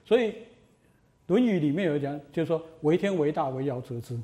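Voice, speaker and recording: A middle-aged man lecturing to university students, retelling old stories with rhetorical questions and an animated manner. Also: a little high, a little fast.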